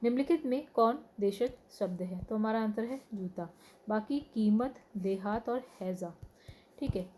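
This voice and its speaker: A woman teacher with a mellow, warm voice works through exam questions. She reads long lists of words in a steady rhythm and explains each answer plainly. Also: medium pitch, a little slow, slight background noise. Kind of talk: exam-prep lesson, reading questions and word lists.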